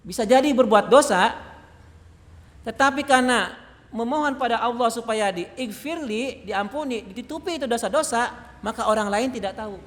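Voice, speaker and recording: Man, religious teacher, high voice, explanatory lecture, rhetorical questions, long hall reverb. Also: normal speed. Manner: explanatory, asks rhetorical questions and answers them; coughs now and then. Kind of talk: mosque study lecture. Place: mosque hall.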